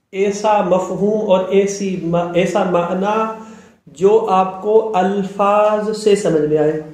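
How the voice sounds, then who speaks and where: A man teaching a seminary lesson, explaining terms slowly, repeating them and checking that students follow. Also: sits high, a little mellow. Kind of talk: classroom lecture. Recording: very echoey room.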